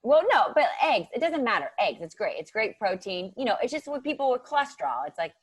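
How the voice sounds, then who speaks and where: Very animated and a little fast, this woman's voice is a little high and husky, with no echo. She's a chatty thirty-something from Ohio, USA, guesting on a podcast about nutrition coaching, stuffing her talk with "like" and acting out quotes.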